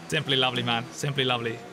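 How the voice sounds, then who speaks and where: A twenty-five-year-old man streaming a racing game live, chatting with viewers and calling the race in a joking, self-teasing way. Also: mid-range voice. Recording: game engine noise behind voice. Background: racing car engine sounds.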